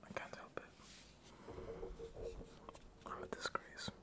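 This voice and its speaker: A young man speaks in a fast ASMR whisper, entirely breathy and unvoiced. He chats casually and rambles a little, right up close to the microphone. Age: young adult. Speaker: ASMR creator. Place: small home bedroom, indoors. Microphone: close desktop microphone with foam cover.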